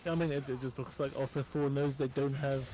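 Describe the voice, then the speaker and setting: A man calling esports play-by-play from his own room, rapid and rising in pitch during fights. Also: steady tone, warm tone, slight background noise, rough recording. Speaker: play-by-play caster.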